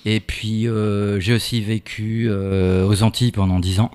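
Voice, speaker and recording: A half-Norwegian, half-French man, a musician, answering interview questions in a relaxed way with many fillers. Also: fairly low pitch, measured pace, smooth. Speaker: musician, guest.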